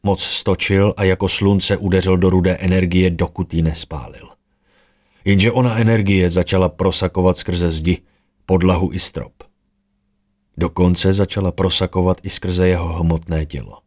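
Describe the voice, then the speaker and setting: A man narrating a fantasy audiobook in a steady storytelling manner. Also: low voice.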